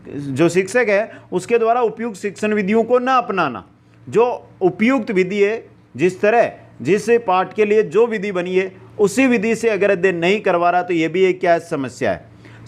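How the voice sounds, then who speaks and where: High-voiced Hindi exam-prep teacher. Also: male voice. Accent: Rajasthani Hindi. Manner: explains point by point, asks rhetorical questions.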